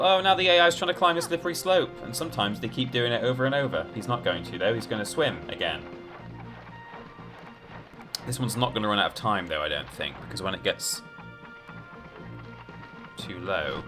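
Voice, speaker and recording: A man live-streaming a video game, rambling and thinking aloud as he chats casually with his viewers. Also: medium pitch. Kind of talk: live gameplay commentary with casual chat to viewers. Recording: game music behind the voice. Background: video game music.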